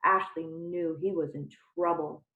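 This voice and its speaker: A woman reading a children's chapter book aloud with unhurried, expressive storytelling. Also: lowish voice. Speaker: reader. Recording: tinny phone-like sound in a roomy space.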